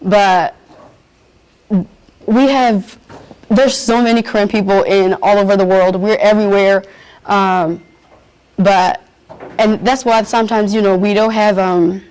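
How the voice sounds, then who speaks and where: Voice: medium pitch, fairly even intonation, measured pace, long pauses, a little mellow, clear, resonant tone, poor audio. A young adult, answering interview questions earnestly and searching for words. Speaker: youth interviewee at a community event.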